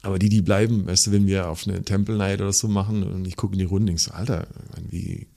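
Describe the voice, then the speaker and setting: Male podcast co-host, low voice, animated casual storyteller who swears easily. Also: fast, gravelly.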